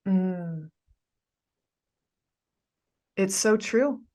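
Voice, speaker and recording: A woman's voice: mid-range voice, animated, drawn-out words, mellow. Affirming woman podcast host. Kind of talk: casual podcast conversation.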